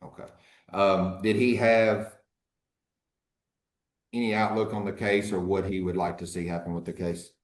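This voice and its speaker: A man speaking as an attorney in a courtroom recording, formally questioning a witness in a measured, halting way. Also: sits low, flat delivery, reverberant. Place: courtroom hearing.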